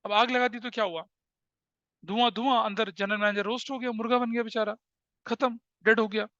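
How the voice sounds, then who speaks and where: A man teaching commerce in a lecture that mixes Hindi and English, a lively storyteller who laughs at his own anecdotes. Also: high-pitched, brisk, no room sound, dull audio.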